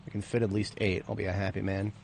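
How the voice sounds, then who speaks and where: A man's voice: lowish voice, little pitch movement, fast, vocal fry, a little mellow, a little hiss or hum. A man giving casual, rambling commentary on a game as a streamer, with playful, self-mocking remarks. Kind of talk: casual let's-play commentary.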